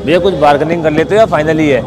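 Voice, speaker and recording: Here a man with a slightly high voice speaks very fast as he walks an outdoor market, upbeat and chatty, quizzing sellers on prices. "Bhai" and "theek hai" come up again and again. The poor audio includes crowd chatter and traffic.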